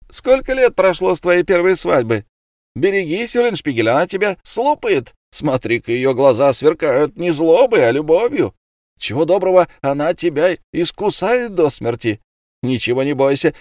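A man voicing a group of young tavern girls who loudly tease and mock. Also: sing-song, normal speed, no room sound, studio quality. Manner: loud, high teasing shouts.

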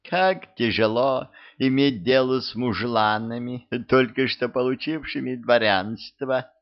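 A man voicing a sly, prim male vampire steward in an audiobook, speaking softly and ingratiatingly. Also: mid-range voice, voice pushed up, close to an everyday voice. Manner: soft, slow and ingratiating. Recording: dull lo-fi recording.

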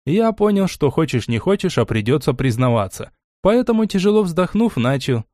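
A man narrating a fantasy audiobook in first person with an expressive, lively reading. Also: on the high side, moderate pace, no room sound, clean studio sound.

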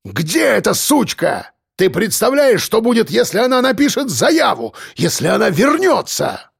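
A man narrating puts on a foul-mouthed mayor in a storybook reading, a cursing bully of a boss. The voice sits high and strained with a gravelly rasp, lurching up and down in pitch. The sound is close and dry. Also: huge pitch swings, unhurried, dry recording, full character voice. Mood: raging. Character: furious foul-mouthed middle-aged male mayor.

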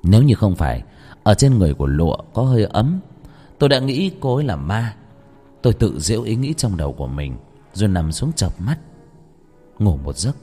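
A man narrating a first-person ghost story dramatically, at times shouting in anguish. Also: on the low side, very animated, a little fast, long pauses, breathy edge. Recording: reverberant with background music.

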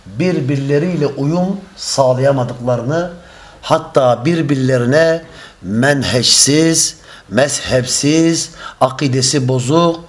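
A man preaching a religious lesson, measured and emphatic, stretching out key phrases. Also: mid-range voice. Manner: quick chanted Arabic opening.

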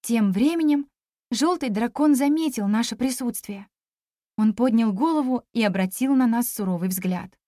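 A woman narrating a children's story in an even, expressive reading voice. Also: fairly high pitch, normal speed, no echo, clean studio sound. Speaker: audiobook narrator.

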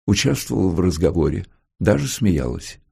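A man reading a novel aloud in a calm, even storytelling manner. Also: low-pitched, normal speed, creaky, slightly rough. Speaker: audiobook reader. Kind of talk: audiobook narration.

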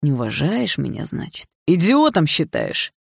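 A cold, controlling stepfather who threatens in a calm, condescending tone, read by a woman. The voice sits low and steady. It is recorded close and dry, with no room sound. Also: fairly quick, gravelly, no room sound. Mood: harsh. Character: cold controlling stepfather, middle-aged man.

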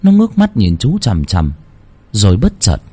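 A man's voice: fairly low pitch, huge pitch swings, moderate pace, breathy edge. A man reading a scripted horror story aloud with dramatic expression. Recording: faint background music. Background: soft music.

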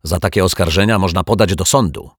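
A surly, scruffy neighbor in a storybook, played by a male reader. He speaks in a gruff, snarling way with a low, husky voice. The sound is dry and close. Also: quick pace, no room sound. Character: gruff scruffy middle-aged man, surly.

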